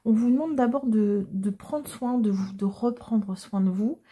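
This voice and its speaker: A woman giving a casual tarot reading to viewers, explaining the cards gently and hesitantly with frequent pauses. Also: a little high, breathy edge. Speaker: tarot card reader.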